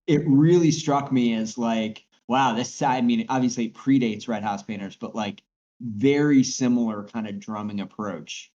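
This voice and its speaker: A man's voice: mid-range voice, moderate pace, warm tone, lo-fi sound. A man co-hosting a podcast, chatting casually about music with frequent restarts and repeated words. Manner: hesitant, repeats words while thinking. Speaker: podcast co-host.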